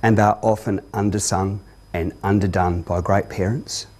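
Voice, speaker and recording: A man's voice: low-pitched, fairly even intonation, moderate pace, darkish tone. A middle-aged man, presenting a parenting workshop to an audience in an earnest, explanatory way.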